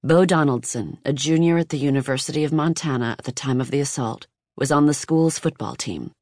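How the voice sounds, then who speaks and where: An audiobook narrator giving a measured, even reading of nonfiction, recorded close in a booth. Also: medium pitch, no echo.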